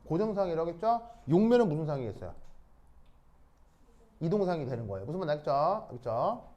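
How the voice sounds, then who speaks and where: High, lively-voiced male chemistry teacher. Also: fast talker, lo-fi sound. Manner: checks understanding with repeated questions; casual, mixes in English words. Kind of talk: classroom lecture.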